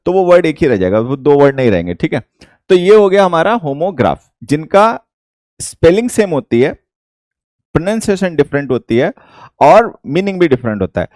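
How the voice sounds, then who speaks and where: An English teacher from India with an Indian accent, explaining a lesson slowly and repeating each point. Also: male voice, a little high, very animated, a little mellow, no echo, studio quality.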